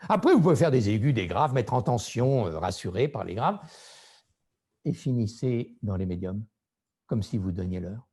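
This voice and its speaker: A man coaching public speaking, giving a didactic lecture and showing pitch and emphasis with his own voice. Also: lively intonation, normal speed, a little mellow, husky. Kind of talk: didactic lecture on vocal delivery.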